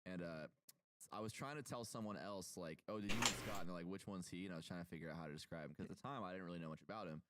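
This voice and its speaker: A man in casual chat, talking quickly and playfully, with many fillers. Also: low-pitched, heavy background noise.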